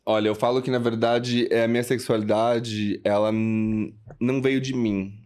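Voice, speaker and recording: A man's voice: medium pitch, level tone, normal speed, darkish tone, clean tone. A man, a flamboyant and candid podcast guest telling his life story. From São Paulo, Brazil. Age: 30s. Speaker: guest, performer. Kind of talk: casual interview.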